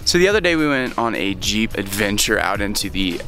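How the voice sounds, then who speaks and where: A young man vlogging casually from a mountain bike trail outdoors, chatty and excited, rambling with fillers, at times out of breath. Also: fairly low pitch, brisk, over music. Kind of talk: casual travel vlog.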